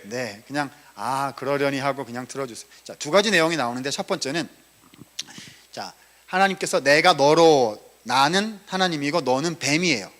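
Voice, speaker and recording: A man's voice: fairly high pitch, fairly bright tone. A man giving a Bible teaching lecture at a seminar, asking the audience questions and answering them himself, and acting out short quoted lines. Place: seminar room.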